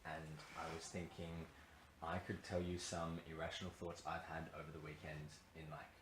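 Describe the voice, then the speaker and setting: A young Australian man in an acted scene, gentle and reassuring with dry humour. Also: low voice. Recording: echoey room with faint hum.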